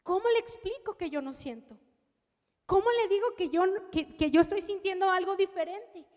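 High-voiced woman preaching in an echoing hall. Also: normal speed. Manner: emotional storytelling, shifts from loud to hushed. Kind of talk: testimony sermon.

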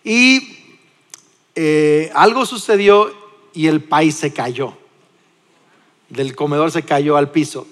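A man in his forties with a Mexican accent, preaching a sermon in a lively, conversational way with frequent restarts. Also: a little high, slow pace, pauses often, in a large hall. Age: 40s. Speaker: pastor. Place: church.

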